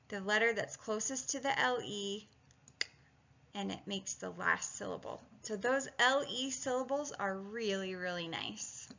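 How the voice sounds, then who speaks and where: Bright, creaky-voiced woman teaching phonics. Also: medium pitch. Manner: encouraging, chatty, thinking aloud; sounds out words syllable by syllable. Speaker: reading and spelling teacher. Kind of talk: video phonics lesson, talking students through steps. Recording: dull lo-fi sound.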